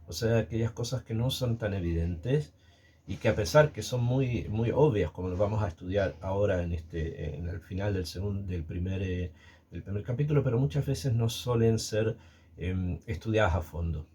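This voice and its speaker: A man giving a spoken Torah lesson, pausing often with fillers and restarting his sentences. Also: fairly low pitch, warm tone, slight background noise. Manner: hesitant, many fillers and restarts. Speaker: Torah teacher.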